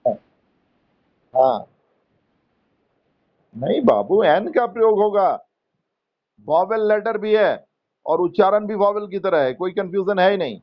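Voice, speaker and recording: A male teacher with an Indian accent talks unhurriedly, prompting pupils and walking them through grammar rules. His voice sits a little high for a man. The classroom recording sounds dull and lo-fi. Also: lively intonation. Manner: slow, coaxing teacher prompting students to answer; explains grammar in Hindi mixed with English terms. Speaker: English teacher. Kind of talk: classroom lesson.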